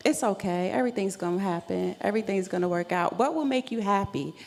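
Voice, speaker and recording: She talks fast in a mid-range, slightly mellow voice, speaking as a panelist in a reflective discussion of self-care. Earnest and affirming, she's recorded at a live event in a reverberant room with clear background noise.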